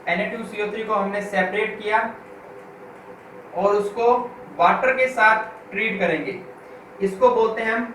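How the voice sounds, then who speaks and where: A male school chemistry teacher lecturing a class. His voice sits high, and he asks questions and answers them himself. The sound is very echoey and comes from a distance across the room. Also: fairly bright tone. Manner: reads English textbook lines slowly, word by word. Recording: echoey room from far off, with faint noise.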